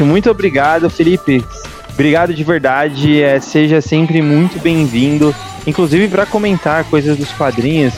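A Brazilian man speaks as a podcast host in a rather high male voice. He is conversational and informal, often ending phrases with little tag questions. Faint music runs behind him. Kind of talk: casual podcast hosting. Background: background music.

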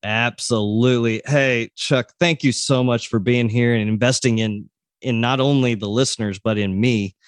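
A man's voice: medium pitch, fairly even intonation, moderate pace, smooth, no echo, clean studio sound. A man from Oklahoma with an American accent, hosting a podcast in a casual, appreciative and encouraging way. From Oklahoma, USA. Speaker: podcast host.

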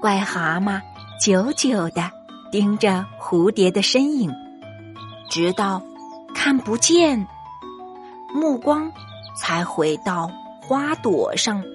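Lively, unhurried woman storyteller. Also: mid-range voice. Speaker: children's storyteller. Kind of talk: scripted children's story narration. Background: music.

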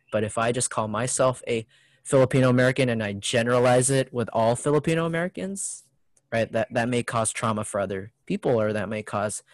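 A man with a lowish voice speaks earnestly and reflectively, often closing his thoughts with a questioning "right?". The recording has no echo, and the talk is reflective and conversational.

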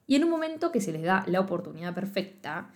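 A woman with an Argentine Spanish accent talks through a film plot in casual podcast chat. She is slangy and animated, and she slips into little voices whenever she quotes the characters. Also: on the low side, fast talker. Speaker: podcast co-host.

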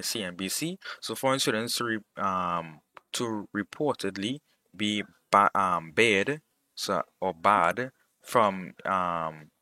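A man with a low, bright, forceful voice talking straight to his viewers in a casual vlog. He rambles, packing his talk with fillers and slang as he goes. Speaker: vlogger.

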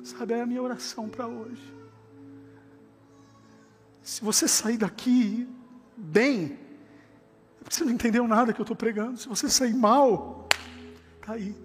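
High voiced pastor guy preaching hard, goes quiet then shouts, long echo in a big hall, soft music behind. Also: fairly even intonation, a little slow, pauses often. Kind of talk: sermon. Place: large church hall.

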